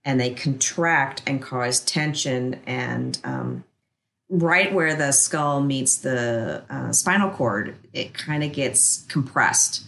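A woman giving guided relaxation instruction in a gentle, soothing, unhurried way, as a bodywork practitioner. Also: a bass voice, sing-song.

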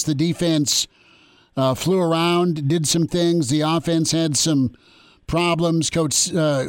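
A man's voice: fairly high pitch, no room sound. A man hosting a sports talk radio show, upbeat and conversational as he welcomes a guest. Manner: upbeat, conversational, quick asides. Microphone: studio mic, dry.

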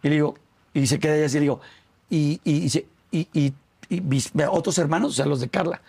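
A man's voice: on the high side, fast, creaky, a little mellow, breathy edge. A middle-aged Mexican man chatting as an interview guest, telling long anecdotes, repeating words and acting out his family's lines. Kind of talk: casual interview chat.

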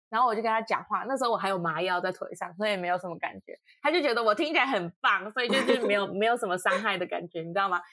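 Young Taiwanese woman, podcast co-host, lively exasperated storyteller, dry close mic. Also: mid-range voice, dry recording. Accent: Taiwanese Mandarin. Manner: animated storytelling, exasperated, laughing often. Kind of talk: casual chat.

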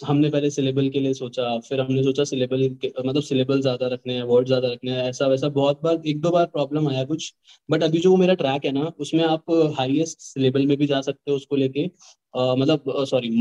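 A man's voice: mid-range voice, dark tone. Earnest young man, slightly dull recording. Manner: earnest, rambling, mixes Hindi and English. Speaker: rapper guest. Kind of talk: casual interview talk.

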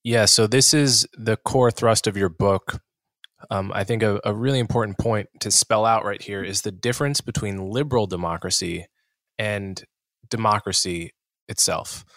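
A man's voice: on the low side, normal speed, fairly bright tone, dry recording, clean studio sound. A man hosting an interview, asking curious, probing questions. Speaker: interview host.

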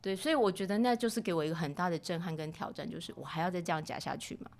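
A middle-aged woman, telling stories as a podcast guest in an expressive way, acting out what people said. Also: racing. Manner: expressive, acts out quoted speech with rising pitch. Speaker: podcast guest, mother of two sons. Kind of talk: casual storytelling chat.

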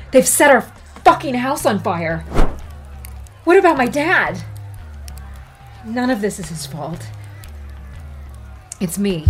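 In a horror audio drama, a woman plays a teenage girl turning into a raging werewolf, narrating in first person with intense dread and swearing. Her voice is low and a little mellow.

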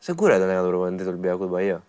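A young man with a deeper voice chats casually as co-host, teasing his partner. He talks easily and laughs often. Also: sing-song, darkish tone. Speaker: co-host presenting event picks. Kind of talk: casual studio chat.

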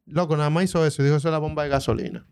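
A man's voice: a little high, rapid-fire, vocal fry, darkish tone, clean tone. A young man with a Dominican accent casually telling a story to friends, full of street slang.

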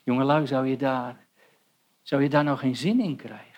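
A man's voice: mid-range voice, fairly even intonation, normal speed. A man preaching a sermon in an earnest, pleading way, speaking directly to young listeners.

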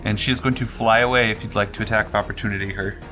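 A man's voice: lowish voice, steady tone, rapid-fire, over music. A man acting as game master, casually narrating combat and rulings in a tabletop role-playing game.

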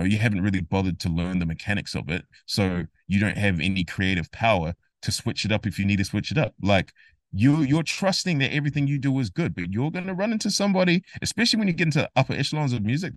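Speaking fast in a lowish voice, a man appearing as a guest on a relaxed interview podcast breaks down music theory with animation and emphasis, even playing out imagined dialogues. There's no echo on the recording.

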